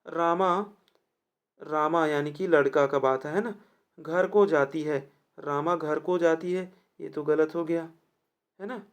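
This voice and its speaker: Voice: mid-range voice, slow pace, long pauses. A teacher going through exam questions for students, who keeps asking rhetorical check-in questions and repeats each answer. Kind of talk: explaining test questions to students.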